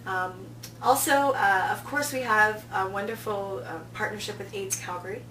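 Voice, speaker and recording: A woman who directs programming for a film festival gives a casual promotional interview as a guest, filmed on location in an indoor room. Her mid-range voice is steady, moderately paced, and a bit bright, recorded roomy through a distant mic with clear background noise.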